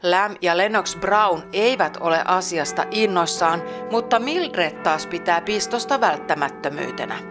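A woman's voice: lowish voice, lively intonation, few pauses, over music. A woman presenting program tips in a playful, teasing scripted narration.

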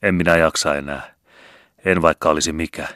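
A man's voice: extremely low pitch, fairly even intonation, dry recording, clean studio sound. A man doing a hearty, breathless old bishop. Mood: breathless jovial. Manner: hearty and loud, bossy. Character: jovial older male bishop, boisterous and commanding.

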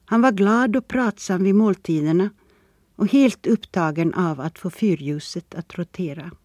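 An audiobook narrator reading fiction in an even, steady way, mid-pitched for the voice. The sound is close and dry, with no room behind it. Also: no echo. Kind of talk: scripted narration.

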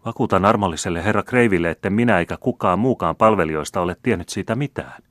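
A man's voice: lowish voice, no room sound, clean studio sound, voice pushed up, close to an everyday voice. A man voicing a nervous, deferential male valet, astonished and servile. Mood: flustered.

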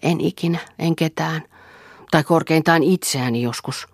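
A woman's voice: deep voice, no room sound, clean studio sound, pitched above the performer's own voice. A woman reading the part of a passionate, proud young woman in a literary audiobook, with an impassioned delivery. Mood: playful.

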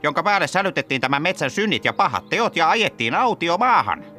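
A man's voice: fairly high pitch, very animated, over music. A man voicing a polite, resigned male goat who bleats between his sentences. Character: mournful bleating male scapegoat.

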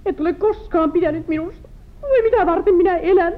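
An actress playing a distraught, jealous farm wife who accuses her husband and breaks into tears, in a 1940s film drama. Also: very high voice. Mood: sobbing. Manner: tearful, accusing, fragile. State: crying. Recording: tinny old 1940s film soundtrack.

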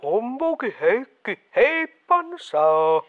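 A woman's voice: on the high side, big pitch swings, narrow, tinny audio. A woman playing a stubborn, meddling mother who keeps calling a radio quiz under fake voices, in a comedy sketch. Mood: disguised. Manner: stubborn, pushy. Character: meddling mother faking several callers' voices. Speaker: caller, the host's mother in disguise.

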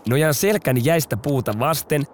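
A man's voice: on the high side, slight background noise. A man hosting a storytelling podcast, narrating in a casual, slangy way.

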